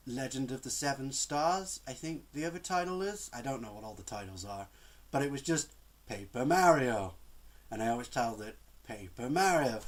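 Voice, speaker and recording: A man with a cold, chatting casually to camera as a gaming vlogger in a rambling, exasperated way. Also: mid-range voice. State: has a cold, coughing. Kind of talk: casual vlog chat to camera.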